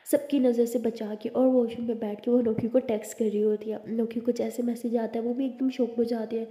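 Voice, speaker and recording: A woman narrating a love story in a conversational, unhurried way. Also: a little high, flat delivery, mellow. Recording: roomy, reverberant, dull lo-fi.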